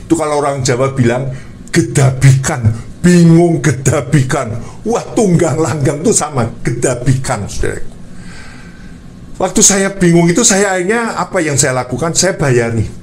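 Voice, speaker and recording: Guy preaching, tells his story all lively, pretty high voice, bit of faint room hum. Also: moderate pace. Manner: lively storytelling, addresses listeners as brothers. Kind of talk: storytelling sermon.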